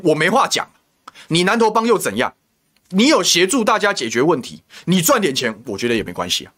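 A man's voice: on the high side, a bit bright. A man with a Taiwanese Mandarin accent hosting a political talk show, venting in heated commentary full of rhetorical questions and insults. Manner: indignant, rhetorical, name-calling.

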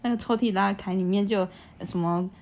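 A woman's voice: mid-range voice, steady tone, brisk, a little mellow. A young woman, chatting casually on a podcast about her childhood, often restarting her sentences. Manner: chatty, restarts a lot, acts out childish voices in quotes. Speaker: podcast co-host telling childhood stories. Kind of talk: casual chat. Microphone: desk USB condenser mic.

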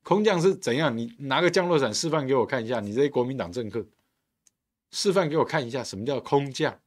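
A man's voice: medium pitch, expressive, fast. A man hosting a podcast, delivering a combative, sarcastic political commentary monologue. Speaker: podcast host and council candidate.

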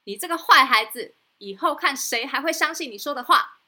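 A woman's voice: high voice, expressive, brisk, bright, forceful tone, voice pushed up, full character voice. A woman voicing a grown male farmer in a children's story, scolding a boy.

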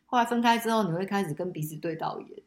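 A woman hosting a casual chat with her daughter, telling family stories in a lively way with many restarts. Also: medium pitch, quick pace. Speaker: podcast host and mother.

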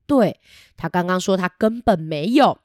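A woman with a Taiwanese Mandarin accent reading a picture book aloud to children, asking them lively questions. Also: fairly low pitch, a little slow, no room sound, clean studio sound. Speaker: children's storyteller.

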